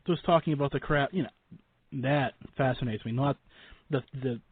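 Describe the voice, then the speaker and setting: At normal speed, a man with a medium-pitched, slightly breathy voice hosts a relaxed interview, with no echo on a dry, narrow, phone-like recording. He's talkative and keeps repeating himself or cutting himself off.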